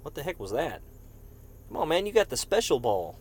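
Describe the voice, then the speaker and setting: A man's voice: on the high side, very animated, brisk, slightly rough. A man giving casual live-stream commentary while playing a game, chatting with viewers by name and breaking off now and then to cough. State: coughing fits. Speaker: gaming streamer.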